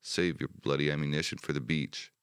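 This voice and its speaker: A man's voice: rumbling low, steady tone, fairly quick, fairly bright tone, smooth, dry recording, clean studio sound. A man voicing a shaken platoon officer giving curt orders in an audiobook reading.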